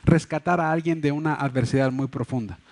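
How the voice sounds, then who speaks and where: Speaking a little fast at medium pitch, this man has a slightly mellow voice. He's a pastor with a Mexico City Spanish accent giving a sermon in a church hall, heard through a livestream microphone, and he explains earnestly with many fillers and restarts.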